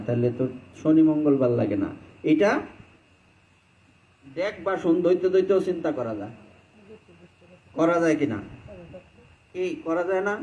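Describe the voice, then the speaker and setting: Man, high voice, conversational devotional sermon. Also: dark tone, muffled recording. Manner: conversational, chants mantra lines mid-talk. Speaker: Vaishnava preacher.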